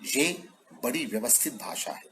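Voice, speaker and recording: A man speaking as a guest at a Hindi Day event, telling a funny story with chuckles and reciting verses slowly. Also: medium pitch, lively intonation, fairly bright tone, a little hiss or hum, low-quality recording.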